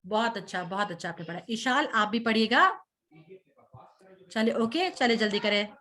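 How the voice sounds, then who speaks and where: A woman's voice: on the high side, expressive, normal speed, pushed and bright. A woman teaching Quran recitation, patiently correcting students and drawing out each sound as she models it. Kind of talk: online recitation lesson.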